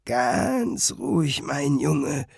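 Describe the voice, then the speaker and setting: A man voicing a frail, wealthy old man who pleads softly and slowly. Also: on the high side, sing-song, creaky, breathy edge, no echo, studio quality, exaggerated voice. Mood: pleading. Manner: slow, soft-spoken, pleading.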